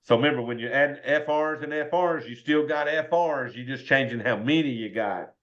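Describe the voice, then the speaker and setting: In a casual online math class held indoors, a Southern-accented man walks through worked algebra examples one step at a time, folksy and fond of "y'all". He speaks a little fast in a mid-range, fairly bright voice, over muffled lo-fi audio.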